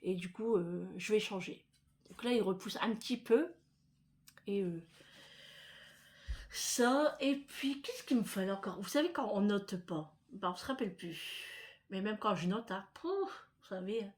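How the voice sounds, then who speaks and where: A middle-aged woman from France talks straight to her viewers in a relaxed, rambling vlog chat. Her speech wanders from one small aside to the next, full of fillers and restarts. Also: medium pitch, measured pace. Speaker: vlogger. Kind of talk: casual chat to camera.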